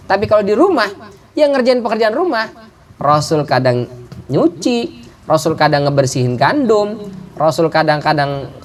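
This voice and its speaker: Man, middle-aged, sermon, animated storytelling, slightly high pitch. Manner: lively storytelling, acting out voices of characters. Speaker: Islamic preacher.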